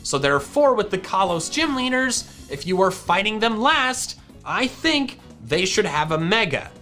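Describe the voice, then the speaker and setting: A woman's voice: mid-range voice, big pitch swings, normal speed, fairly bright tone. A woman reading a scripted explainer narration for a video, with music behind her. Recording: music in the background.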